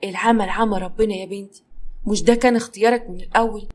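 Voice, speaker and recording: A woman's voice: mid-range voice, steady tone, fast talker, natural voice. A woman with an Egyptian accent voicing an older widowed mother who lectures her daughter with reproach. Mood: reproachful.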